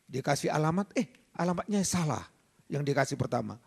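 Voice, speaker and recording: A middle-aged lawyer telling a relaxed stand-up comedy story, jumping into character voices. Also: male voice, a little high, brisk, vocal fry, slightly rough. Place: comedy stage.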